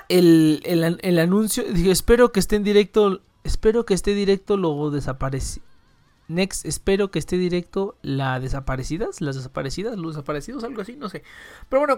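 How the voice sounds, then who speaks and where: Slangy, cursing Mexican woman streamer. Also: medium pitch. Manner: rambling, slangy and profane, talking to chat viewers. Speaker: live streamer. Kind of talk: casual chat.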